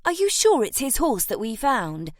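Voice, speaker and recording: A woman voicing an eager, excitable young boy. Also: a little high, moderate pace, no echo, studio quality, voice pushed up. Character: eager young boy who loves horses.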